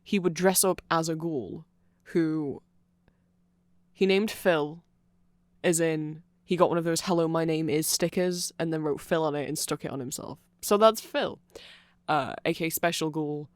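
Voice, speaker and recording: Close to the mic in a dry space with no echo, this ASMR creator talks at a measured pace in a medium pitch. The nerdy, improvised explanation drifts around, full of side comments and self-corrections.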